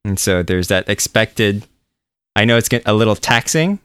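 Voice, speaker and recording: A man with a lowish, resonant voice talks in a loose, meandering way. He sounds relaxed and pokes fun at himself. The sound is close and dry, with no room around it. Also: moderate pace, smooth, no echo. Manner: relaxed, rambling, self-deprecating. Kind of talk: casual chat.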